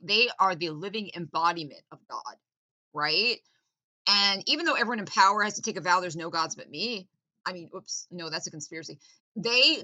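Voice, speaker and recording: A woman's voice: on the low side, pushed and bright. A woman delivering a sarcastic, mock-earnest political rant, sometimes laughing at her own irony. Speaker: satirical commentator.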